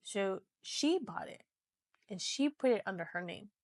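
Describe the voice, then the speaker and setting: A woman's voice: mid-range voice, expressive, unhurried, creaky, dry recording. Chatty woman podcast host, dry sound. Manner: chatty, loose retelling with many "so" and "you know". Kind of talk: casual true-crime storytelling.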